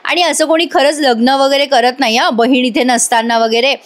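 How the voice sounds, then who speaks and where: A haughty, sharp-tongued sister from a family TV drama, scolding her brother in a high voice, as a woman reviewer puts her on. She lands her taunts with mock severity. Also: fairly even intonation, normal speed, close to an everyday voice.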